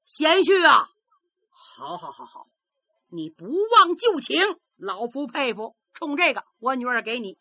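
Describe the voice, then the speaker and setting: A woman voicing a gracious, dignified older male lord who speaks slowly and formally. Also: sits high, big pitch swings, bright, forceful tone, muffled recording, full character voice.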